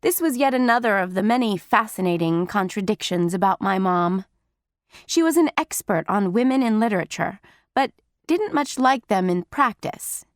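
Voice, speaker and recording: A woman narrating a teen novel in the first person, with steady, wry storytelling. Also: mid-range voice, normal speed, no echo, studio quality. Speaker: audiobook narrator.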